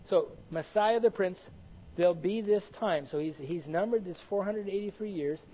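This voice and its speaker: A man preaching a Bible study sermon, animated and conversational, often asking the congregation questions and answering them himself. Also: sits high, moderate pace, poor audio. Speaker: pastor teaching Bible study.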